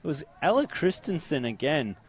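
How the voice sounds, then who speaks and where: A man's voice: on the high side, very animated, normal speed, breathy edge. A man with an Australian accent doing live play-by-play commentary at an outdoor sports ground, upbeat and naming players by number.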